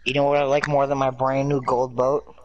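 A young man chatting excitedly with friends while playing a racing game over a headset. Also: mid-range voice, fairly quick, muffled recording. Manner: excitable, exclaiming. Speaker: gamer streaming with friends. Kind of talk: casual gaming chat.

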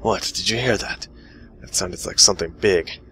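A man reading out the lines of a wary fellow survivor from a text game, flatly, as written. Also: deep voice, normal speed, slight background noise. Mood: tense.

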